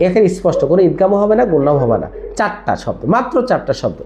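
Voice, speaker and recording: A tajweed teacher gives a Quran recitation lesson in a medium-pitched, sing-song, slightly mellow voice, talking fast. Words are spelled out letter by letter and drilled, with frequent check-in questions to the listener.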